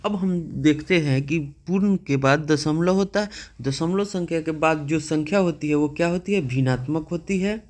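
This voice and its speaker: A man's voice: a little high, normal speed, darkish tone. A man teaching a math lesson, patiently asking questions and checking in with "okay" often.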